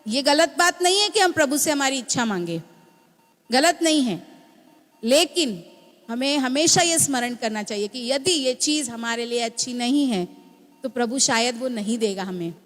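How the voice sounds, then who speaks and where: High-voiced woman preaching in a church hall. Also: lively intonation, normal speed, a bit bright. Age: young adult to middle-aged, mother of a small child. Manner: teaching, asks the congregation "है ना?" often. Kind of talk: sermon. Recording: long reverb of a church hall.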